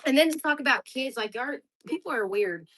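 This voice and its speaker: A woman's voice: sits high, animated, brisk, a bit bright, slight background noise, rough recording. A young woman at home on a livestream, cursing and confronting commenters, sometimes calling out to her kids. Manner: profane, confrontational toward commenters; calls out to kids around the house. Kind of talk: ranting livestream chat.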